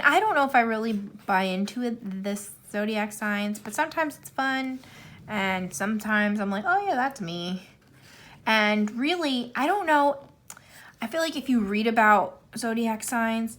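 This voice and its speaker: Her voice is medium in pitch with a fairly bright tone. She's a woman in her thirties, a YouTuber chatting casually to camera about a tag questionnaire while coloring, meandering and self-deprecating with lots of fillers.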